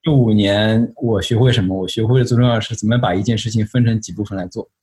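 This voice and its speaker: Man from Shanghai, low voice, quick and rambling, podcast guest who reflects at length. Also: steady tone, warm tone. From Shanghai, China. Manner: reflective, explains at length with many fillers. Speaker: interview guest, AI researcher. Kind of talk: casual podcast interview.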